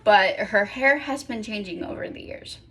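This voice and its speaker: A woman's voice: medium pitch, moderate pace, fairly bright tone. A young woman in casual vlog chat at home, rambling and correcting herself with apologetic asides. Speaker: vlogger.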